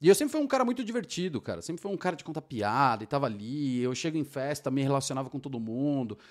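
Lively, animated man. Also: mid-range voice, fast. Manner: animated, enthusiastic storyteller. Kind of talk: casual conversation, storytelling.

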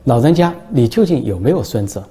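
A man's voice: medium pitch, big pitch swings, fairly quick, mellow. A man voicing an eager newspaper reporter in a told joke, fawning and easily surprised.

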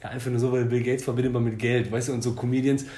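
A man's voice: mid-range voice, little pitch movement, very fast, warm tone. A man, a comedian co-hosting a podcast, chatting casually and joking often. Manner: jokey, laughs often. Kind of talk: casual chat. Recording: roomy echo.

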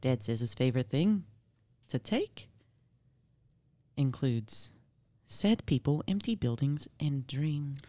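A woman's voice: very deep voice, expressive, slow pace, long pauses, warm tone. A woman casually reading a scary story aloud, with playful, informal asides. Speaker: story reader.

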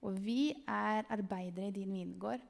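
A woman giving an animated, emphatic testimony sermon about a vision, sometimes calling out loudly to the listeners. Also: mid-range voice, creaky. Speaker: speaker sharing a vision. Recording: long hall reverb.

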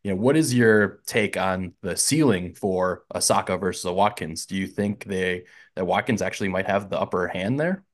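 A man's voice: deep voice, normal speed, few pauses. An American man co-hosting a casual football podcast, upbeat and asking his guests questions. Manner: upbeat, asks questions and reads the show's segment links. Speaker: podcast co-host.

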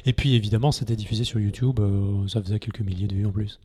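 A middle-aged man, a former poker TV presenter, talking casually as a podcast guest and acting out anecdotes with lively energy. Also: fairly low pitch, fast, breathy edge. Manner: animated storyteller, acts out scenes in shouts.

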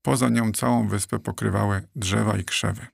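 A man narrating a children's audiobook in a steady, clear storytelling manner, recorded close in a studio. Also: lowish voice, moderate pace, no echo.

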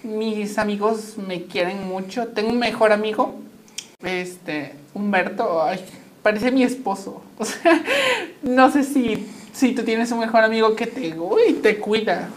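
A young woman with a Mexican accent, a guest telling personal stories in an animated, chatty way with frequent fillers and laughs. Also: mid-range voice, measured pace, a little hiss or hum. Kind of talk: personal storytelling in conversation.

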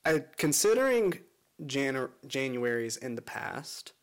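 A man's voice: mid-range voice, big pitch swings, a little slow. A young man co-hosting a casual pop culture podcast, chatty and easygoing, often laughing as he talks. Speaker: podcast co-host. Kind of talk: casual chat.

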